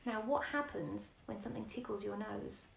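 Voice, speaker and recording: A storyteller with a medium-pitched, creaky voice reads a children's picture book at a moderate pace, with slight background noise. She's expressive, chatting and posing questions to young listeners as if at bedtime. The sound is echoey, picked up by a faraway mic.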